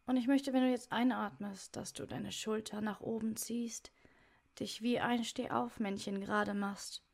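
A woman leading a guided meditation in a soft, soothing voice, giving measured instructions in short phrases that sometimes trail toward a whisper. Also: a little high, steady tone. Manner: soft, soothing delivery with breathy, near-whispered phrase endings.

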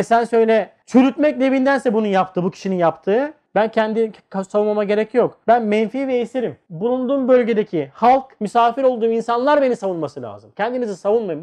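A man giving a religious lesson to an audience, asking many rhetorical questions and repeating his words, with sudden jumps between loud and soft. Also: extremely high pitch. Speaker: religious teacher.

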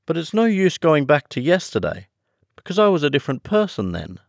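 A man's voice: a little high, huge pitch swings, brisk, creaky, dry recording, clean studio sound, pitched above the performer's own voice, full character voice. A man voicing a polite, curious and slightly timid young girl in a children's storybook, in an earnest, wondering manner.

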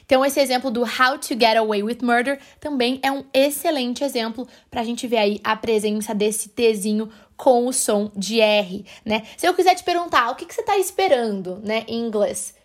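A woman from Brazil hosts a pronunciation lesson podcast with a slightly high voice. She explains patiently and slows right down when she models each phrase. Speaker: English teacher and podcast host.

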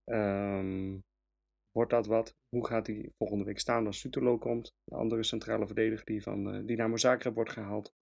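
Gravelly opinionated Dutch football fan. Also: male voice, on the low side, flat delivery, moderate pace, a little mellow. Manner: opinionated, emphatic, with frequent hesitations. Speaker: football club fan podcast host. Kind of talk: casual match review monologue.

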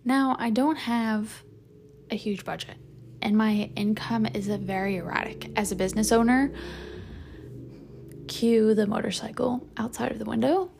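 A young woman in her twenties hosting a casual solo podcast, chatty, with lots of "like" and "um" and soft laughs. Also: on the high side, normal speed, gravelly, pauses often, slight background noise. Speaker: podcast host. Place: home room with a window to the street.

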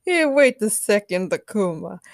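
A woman voicing a calm, good-natured male superhero, close to her own voice. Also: mid-range voice, a little slow, creaky, no room sound. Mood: protesting.

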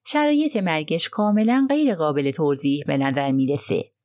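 Poirot, as a woman reads him: soft, polite detective. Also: deep voice, no room sound, studio quality, lightly acted. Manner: gentle, sympathetic and polite. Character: courteous, probing male detective.

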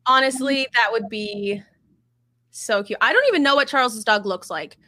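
Bright-voiced woman co-hosting a podcast. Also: on the high side, moderate pace, no room sound. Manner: chatty, upbeat, laughs often. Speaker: podcast co-host. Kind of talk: casual chat.

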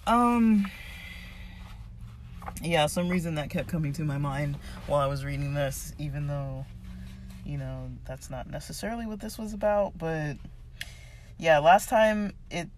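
Slow, halting speaker with a voice giving out. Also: medium pitch, slight background noise. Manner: hesitant, halting, thinking aloud. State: losing voice, voice giving out. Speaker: reader discussing a self-help book. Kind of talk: casual unscripted book reflection.

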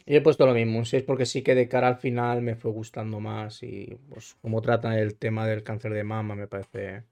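Man, gravelly voice, casual film chat, rambling, restarts a lot. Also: lowish voice, level tone, a little fast, darkish tone. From Valencia. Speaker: podcast co-host.

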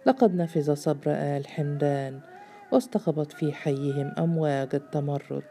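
A woman narrating a literary novel in a measured storytelling manner. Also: low voice, warm tone, slight background noise. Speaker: audiobook narrator.

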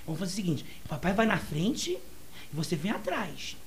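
A woman voicing a hasty father rabbit in a told joke story, speaking lower and slower than her own voice. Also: sing-song, a little hiss or hum. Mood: patient.

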